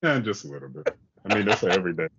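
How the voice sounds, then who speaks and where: A man's voice: low voice, lively intonation, quick pace, muffled recording, noisy background. A man ranting casually about basketball, heated and profane. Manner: heated, profane, rising to near-shouting. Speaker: podcast co-host. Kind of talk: casual sports rant.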